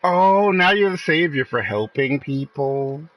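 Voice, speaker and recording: A man's voice: fairly high pitch, lively intonation, measured pace, a bit bright, dry recording. A man streaming a game who argues with a friend in casual banter, mocking him and swearing freely. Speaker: gaming streamer.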